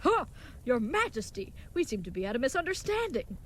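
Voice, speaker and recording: A woman with a high, sing-song voice speaks a little fast, with some hiss or hum in the recording. She performs scripted audio comedy as an earnest, naive young knight, chivalrous and eager, using polite, stilted, wordy phrasing.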